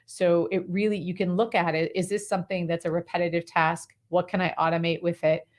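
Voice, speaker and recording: On an interview show, a woman who works as a clarity coach describes her approach and recounts stories with breezy liveliness while offering advice. She talks fairly quickly and informally in a voice a bit low for a woman, peppering her speech with "like" and "right."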